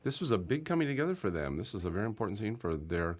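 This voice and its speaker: Deep, lively-voiced joking director. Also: male voice, rapid-fire, a little hiss or hum. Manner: joking, teasing, animated. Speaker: episode director on a commentary track. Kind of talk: casual DVD commentary chat.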